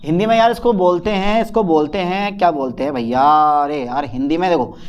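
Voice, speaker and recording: Man, high voice, Hindi accent, playful chatty chemistry lecture. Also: a little fast, darkish tone. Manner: chatty, playful, addresses students as beta and sahab. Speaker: chemistry teacher. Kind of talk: chalkboard lecture.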